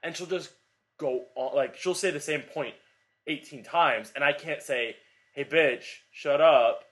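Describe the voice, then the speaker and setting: Speaking a little slowly in a fairly high, pushed, bright voice, a young adult man spins a long, meandering story packed with filler. He's a Pilates instructor co-hosting a laid-back fitness podcast.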